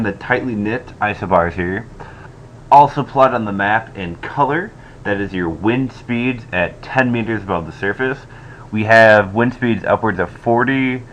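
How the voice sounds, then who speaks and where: A man with a fairly low voice explains a weather forecast in update style. The recording sounds like a cheap microphone, dull and lo-fi. Faint noise sits behind his voice. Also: fairly bright tone. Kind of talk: explanatory weather update commentary over maps. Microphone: cheap stand-in microphone.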